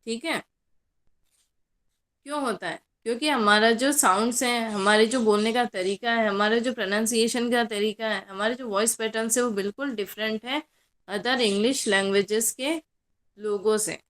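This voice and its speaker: A woman's voice: a little high, a little slow, fairly bright tone. A young woman college lecturer with a Hindi accent, teaching a class in a mix of Hindi and English and answering her own questions.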